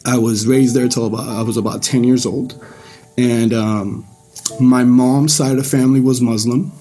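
A man from Iran giving his personal faith testimony to a church group in a casual, loose way, with frequent pauses and restarts. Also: mid-range voice, fairly even intonation, mellow.

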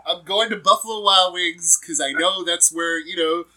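A man's voice: sits high, normal speed, pushed and bright, poor audio. A man hosting a podcast in casual chat, laughing often and rambling loosely. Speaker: podcast host.

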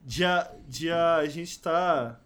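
A man's voice: on the high side, extremely slow, a bit bright. A young man chatting casually as a podcast guest, telling stories with lots of slang fillers. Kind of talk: casual chat.

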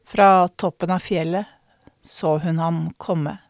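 A middle-aged woman from Norway, a storyteller telling a personal episode and an old tale in a measured, reflective way. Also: on the low side, steady tone, no room sound, studio quality. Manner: measured, reflective, with drawn-out dramatic words. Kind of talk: spoken storytelling performance.

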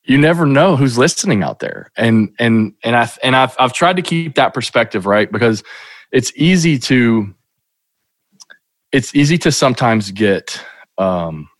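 A man's voice: medium pitch, lively intonation, measured pace, no echo. A middle-aged man from Kentucky, a podcast guest telling stories in a casual, rambling way with many restarts. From Kentucky, USA. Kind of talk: casual interview storytelling.

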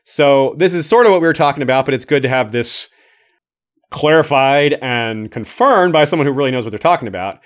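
A man's voice: mid-range voice, lively intonation, fairly quick. A man hosting a livestream, reading a listener's comments aloud and adding his own casual remarks. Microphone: streaming microphone.

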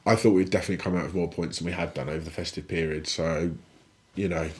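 A man's voice: low-pitched, fairly even intonation, quick pace, a little mellow. A man co-hosting a casual football podcast, enthusiastic and given to repeating his words. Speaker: podcast co-host.

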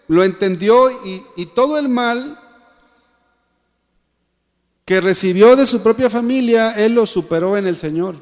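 A high-pitched man with a Mexican accent delivers a sermon, rising to strong emphasis and then dropping to soft asides. His voice rings out in a church hall with a long reverb. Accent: Mexican Spanish. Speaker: pastor.

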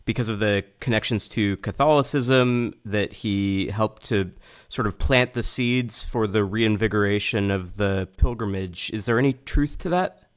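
A man's voice: fairly low pitch, a little slow. A man hosting a podcast, asking inquisitive, carefully framed questions. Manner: inquisitive, brief acknowledgments. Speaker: podcast host. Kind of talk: interviewing.

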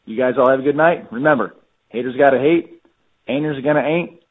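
A man leaves a long, chatty voicemail for a podcast, rambling along with plenty of fillers. His voice sits in an ordinary middle pitch. It comes through thin and tinny, squeezed down like a phone line. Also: fairly quick. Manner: chatty, filler-laden, keeps saying "I gotta say". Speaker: caller to a podcast hotline. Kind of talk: casual rambling voice message.

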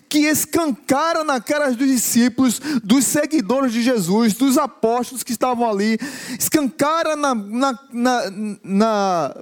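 A man preaching a sermon to a congregation, building slow emphatic lists of repeated phrases and sometimes breaking into song. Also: very high voice.

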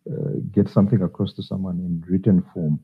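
A man's voice: deep voice, level tone, fairly quick, slightly rough, soft background music. A middle-aged man from Zambia, a children's author answering interview questions with many hesitations and restarts. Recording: tinny phone-like line.

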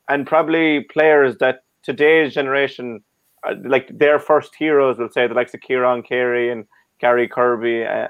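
A man's voice: mid-range voice, clean tone, muffled recording. An Irish man hosting a conversational sports discussion. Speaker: host.

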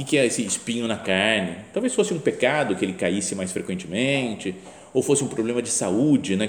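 A man's voice: fairly low pitch, a little hiss or hum. A man with a Brazilian Portuguese accent, a priest preaching a sermon in a conversational way, acting out quoted voices and often adding tag questions. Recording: echoey room with faint ambience.

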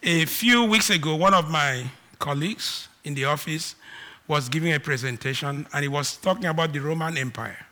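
His voice a little high and his speed normal, this Nigerian-accented man from Nigeria is preaching. He moves between emphatic, loud declarations and soft asides.

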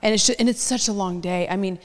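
A woman co-hosting a podcast, chatting casually in an animated, exclamatory way in a large living room. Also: mid-range voice, fast, in a large hall. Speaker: podcast host. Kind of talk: casual chat. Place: cavernous living room at home.

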